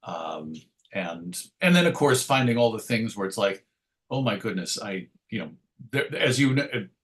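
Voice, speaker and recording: Very animated, with vocal fry and a fairly bright tone, a middle-aged man of medium pitch reminisces casually at a moderate pace. He is an interview guest, a writer and radio show host, whose hesitant, rambling talk keeps interrupting itself to restart a thought.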